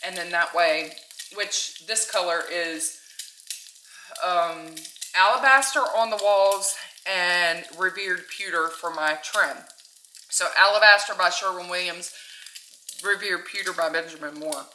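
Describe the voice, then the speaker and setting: A middle-aged woman rambles casually about her home DIY plans in a chatty vlog, with ums and restarts, recorded in her kitchen and bedroom. Her voice is lowish, bright and forceful, a little slow, with slight background noise.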